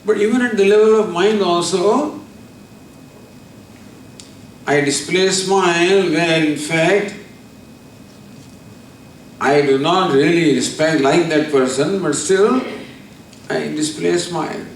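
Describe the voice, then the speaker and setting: A man, a spiritual teacher giving a deliberate scripture lecture with everyday examples. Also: on the high side, slight background noise. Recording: roomy, distant mic.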